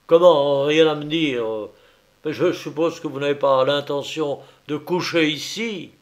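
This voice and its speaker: A man's voice: fairly high pitch, fairly even intonation, measured pace, close to an everyday voice. A man putting on a blustering minister. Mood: irritated. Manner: loud, haughty, curt. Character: blustering impatient male government minister.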